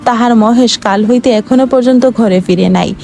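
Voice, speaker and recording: A woman narrating a classic short story as an audiobook, in a measured, expressive reading. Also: a little high, creaky, a little hiss or hum.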